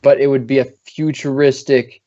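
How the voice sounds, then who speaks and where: A man's voice: medium pitch, little pitch movement, moderate pace, mellow, dry recording. A man hosting a casual gaming chat, swearing freely and mimicking his friends. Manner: loose, profane, mimics friends. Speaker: podcast host. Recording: dull lo-fi stream audio.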